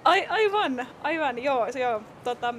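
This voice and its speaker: Woman, podcast co-host, high voice, playful chat, faint noise behind. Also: animated, a bit bright. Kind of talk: casual comedic podcast chat and skit.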